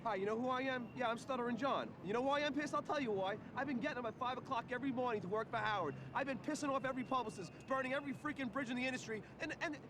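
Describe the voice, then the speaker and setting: A ranting, put-upon radio show staffer. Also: male voice, very high-pitched, racing, hardly any pauses, background noise. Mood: aggrieved rant. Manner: ranting, aggrieved, stammering. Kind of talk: film acting, rant to camera.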